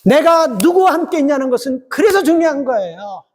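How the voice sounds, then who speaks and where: A man's voice: extremely high pitch, very animated, fairly quick, a little mellow. A middle-aged male pastor preaching a sermon in an emphatic way, repeating short phrases for stress.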